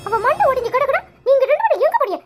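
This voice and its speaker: Woman doing a super high squeaky cartoon girl scolding her dad, accusing, repeats herself. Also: sing-song, rapid-fire, faint music behind. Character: upset young daughter, scolding and accusing. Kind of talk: cartoon voice acting.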